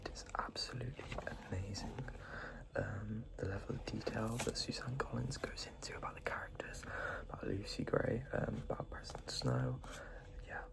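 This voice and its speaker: A person in a whispered role-play as a librarian recommending books, speaking in a soft, breathy, reassuring library whisper with some creak. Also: medium pitch, fairly even intonation, normal speed, poor audio.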